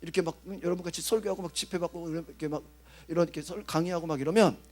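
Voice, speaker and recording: A man, a pastor, preaching at a youth rally in a lively, conversational way, acting out inner voices and checking in with listeners. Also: on the high side, racing. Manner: animated, acts out inner voices and asks the audience "어?".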